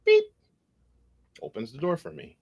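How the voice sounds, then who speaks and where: A man guest on a podcast, telling a long anecdote in a loose, animated way and acting out the dialogue as he goes. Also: high voice, a little slow. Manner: animated, acts out dialogue in his stories; loose phrasing with frequent restarts. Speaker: podcast guest, cybersecurity consultant. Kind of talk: conversational storytelling.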